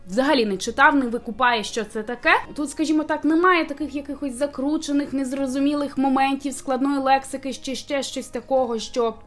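A woman in casual chat, reviewing a manga and explaining her points with a steady flow of fillers. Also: sits high, fairly quick, hardly any pauses, faint music behind. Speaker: booktuber co-host reviewing manga.

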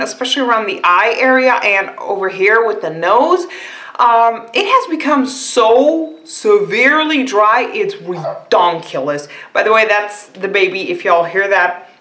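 A woman's voice: a little high, bright, forceful tone, roomy sound. A woman beauty vlogger chatting casually and rambling through a box unboxing, with frequent fillers.

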